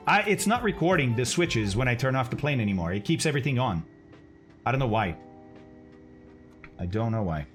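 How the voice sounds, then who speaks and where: A man's voice: medium pitch, animated, a little fast, long pauses, faint music behind. A man streaming a flight simulator, chatting casually with viewers, thinking aloud and laughing often. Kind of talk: casual live-stream chat.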